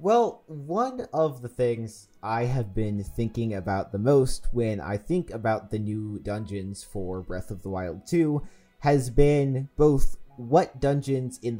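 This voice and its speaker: A man's voice: mid-range voice, dark tone. A man who is a podcast regular, sharing opinions in casual discussion.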